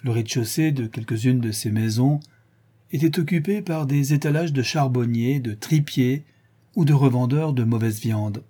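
A man giving a measured, dramatic scripted narration of a classic novel as an audiobook reader. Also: medium pitch, dark tone, slightly rough.

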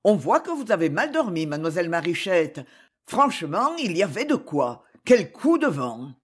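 Reader doing a friendly chatty servant guy, bouncy and breathy. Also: mid-range voice, very animated, moderate pace. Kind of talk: audiobook character voice.

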